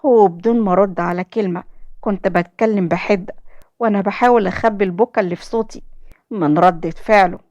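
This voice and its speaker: A woman's voice: mid-range voice, quick pace, darkish tone, no echo, lo-fi sound. A young woman with an Egyptian accent narrating a dramatic first-person story in an emotional, heartfelt way. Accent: Egyptian Arabic.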